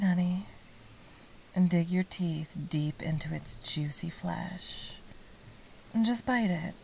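A woman performs an ASMR role-play as an indulgent, seductive temptress. Her honeyed voice sits on the low side, soft and velvety with a creaky edge. She coaxes in a sultry way, over faint background noise.

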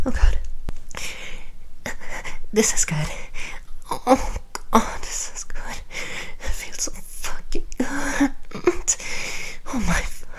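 A woman playing a seductive, commanding queen in an intimate audio roleplay, talking in a breathy, whispery, teasing way. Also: medium pitch, heavily acted.

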